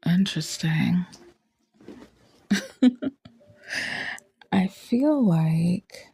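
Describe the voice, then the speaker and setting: Woman, slow and rambling, heavy vocal fry, whispery asides, dry close sound. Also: lowish voice, expressive, no echo. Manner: rambling, soft-spoken, often drifting into whispers. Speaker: tarot reader. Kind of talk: casual reflective chat.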